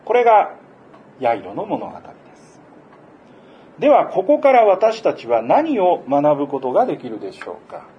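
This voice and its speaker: A man preaching a sermon, explaining scripture in a gentle, unhurried way with frequent fillers. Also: fairly high pitch, huge pitch swings, lo-fi sound, a little hiss or hum. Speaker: pastor.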